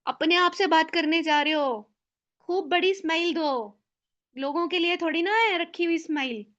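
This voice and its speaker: A woman leading an online group through mirror affirmations, gentle and coaxing as she shows how to praise and thank yourself. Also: extremely high pitch, normal speed, muffled recording. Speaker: mirror-talk guide. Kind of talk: guided self-affirmation session.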